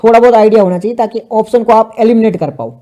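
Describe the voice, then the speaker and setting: In a relaxed current affairs session for exam aspirants, a male teacher blends English words into Hindi and fields his own questions. He races along with a warm, high-sitting voice and fairly even intonation, and the highs are cut off in the audio.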